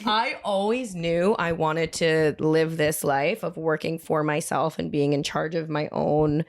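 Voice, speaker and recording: A woman guest on a podcast talks in an upbeat, emphatic, chatty way. Her voice is on the lower side, with gravelly fry running through it. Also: steady tone, a little slow. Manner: upbeat, emphatic, filler-heavy. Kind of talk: casual chat.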